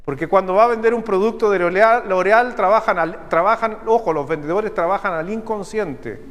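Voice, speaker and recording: A man with a Chilean accent preaching a sermon as pastor, teaching step by step and checking in with his listeners through quick questions. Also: sits high, fairly bright tone, big-room sound. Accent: Chilean Spanish. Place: church sanctuary.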